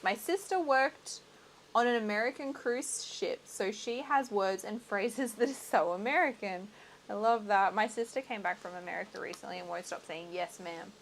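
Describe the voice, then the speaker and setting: A woman's voice: medium pitch, moderate pace, a little hiss or hum, low-quality recording. A young adult woman with an Australian accent, hosting a livestream and chatting casually while she crafts, laughing often. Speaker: livestream host. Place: home crafting setup.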